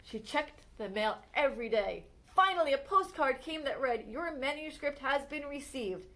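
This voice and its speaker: An animated female librarian with a fairly high voice reads a picture book biography aloud for children. She reads expressively, slowing down at the exciting moments.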